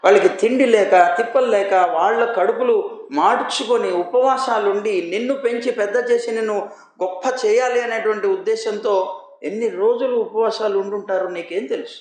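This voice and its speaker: Male religious teacher giving a devotional sermon: high voice, emphatic, repeats his points, reverberant room. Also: normal speed. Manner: emphatic, with rhetorical questions and repetition.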